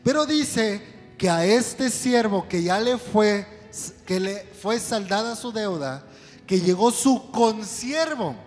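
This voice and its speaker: Pastor preaching in a reverberant hall. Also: male voice, sits high, lively intonation, takes it slowly, a little mellow. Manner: preaching to a congregation, calling for responses. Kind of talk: sermon. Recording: long hall reverb with faint music.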